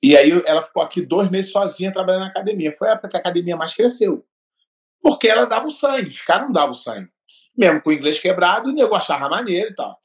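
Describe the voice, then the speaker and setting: A man's voice: sits high, lively intonation, very fast. A middle-aged man from Brazil with a Brazilian Portuguese accent, telling stories in a casual chat and acting out the dialogue. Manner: storytelling, emphatic, acts out dialogue. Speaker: gym owner and martial arts coach.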